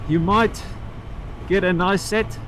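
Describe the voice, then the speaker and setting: A man with a fairly high voice rambles casually as he rides, speaking into a microphone inside his helmet. He trails off and picks up again in an unscripted vlog style. Faint engine and road noise sits behind him. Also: fairly even intonation, fairly bright tone. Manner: halting, trailing off and picking the thread back up. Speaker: motorcycle vlogger. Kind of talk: casual rambling vlog chat while riding. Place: inside a helmet on a moving motorcycle outdoors.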